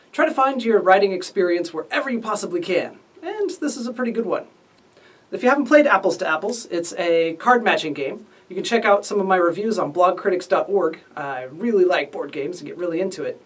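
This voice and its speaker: A high-pitched man, recorded on a distant mic, teaches a casual writing lesson as the instructor and host of the series.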